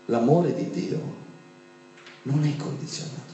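A man's voice: medium pitch, expressive, unhurried, warm tone, highs cut off, a little hiss or hum. A male preacher, delivering an emphatic sermon full of rhetorical questions to his congregation. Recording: echoey room from a distance.

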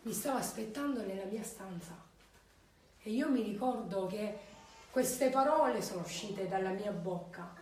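A woman's voice: mid-range voice, animated, normal speed, a little mellow, slight background noise. A woman giving an earnest personal faith testimony, retelling her past conversations. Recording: roomy, distant mic, faint room ambience.

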